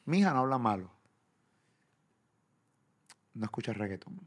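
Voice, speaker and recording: A man's voice: mid-range voice, big pitch swings, moderate pace. Man, Puerto Rican accent, forties, podcast host, boisterous, crude banter. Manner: boisterous, profane, loud mock impressions.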